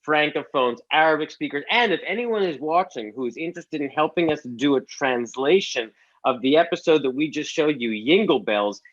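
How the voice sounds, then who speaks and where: A man's voice: on the high side, expressive, moderate pace, lo-fi sound. A man, guest on a casual online chat, thanking his editors and making joking asides. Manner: joking, self-deprecating asides. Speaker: comedy series co-creator, guest.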